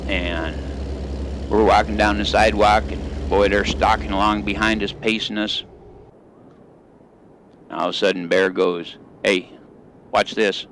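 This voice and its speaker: Middle-aged guy spinning folksy stories while driving in a game, low-ish voice, engine droning loud. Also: steady tone, measured pace, pauses often, a little hiss or hum. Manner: folksy, rambling drawl with country grammar. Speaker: gaming channel host.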